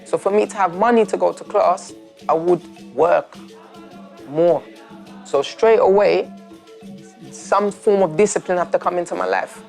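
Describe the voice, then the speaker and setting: A young man from Turkey, telling his life story in a documentary interview, reflective and halting with many restarts. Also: high voice, creaky, a little mellow, faint music behind.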